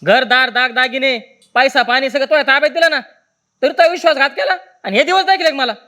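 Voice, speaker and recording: An actor playing a betrayed rustic husband, speaking in an accusing, scornful way. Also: male voice, very high voice, a little fast, sharp tone. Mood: angry.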